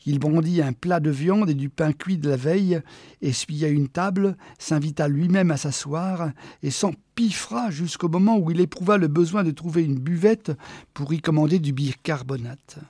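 A man reading a short story aloud as an audiobook, expressive and slowing down for the quiet moments. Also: a little high, slightly rough, dry recording, studio quality.

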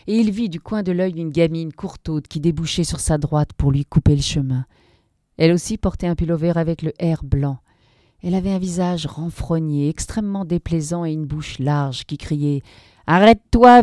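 A woman reads a dark tale aloud with measured drama. Her voice sits low and mellow, recorded close and dry. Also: no room sound. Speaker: narrator. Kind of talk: scripted story reading.

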